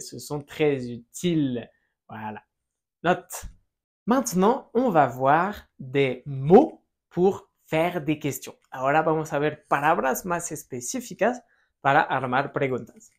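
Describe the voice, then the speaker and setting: A woman teaching French to Spanish speakers, drilling phrases slowly and clearly and switching between the two languages. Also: low-pitched, sing-song. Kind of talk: language lesson.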